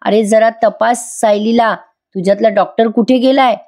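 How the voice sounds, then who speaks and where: A woman's voice: on the high side, steady tone, normal speed, mellow, pitched above the performer's own voice, lightly acted. A woman voicing an irritated older man snapping at his son.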